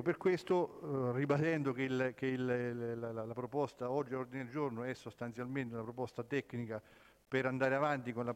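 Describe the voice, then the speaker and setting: A man gives a formal, halting council speech through a face mask, repeating points for emphasis. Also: mid-range voice. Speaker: local councillor speaking for the administration. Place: reverberant council meeting hall. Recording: echoey hall with long reverb.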